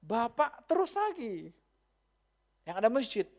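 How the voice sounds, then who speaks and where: A man doing a pushy, high-pitched direction-giver. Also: very animated, measured pace, heavily acted. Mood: insistent. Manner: insistent, high and loud. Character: hurried local man giving directions.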